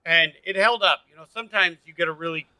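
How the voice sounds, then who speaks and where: Blunt guy on a book podcast, really bright tone, a bit high. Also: fast talker, dry recording, low-quality recording. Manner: blunt, casually profane. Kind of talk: casual chat.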